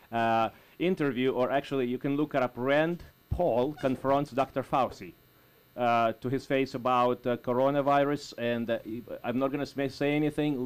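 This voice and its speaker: A man co-hosting a call-in talk radio show, speaking in a halting, folksy way with many restarts. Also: medium pitch. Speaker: radio co-host.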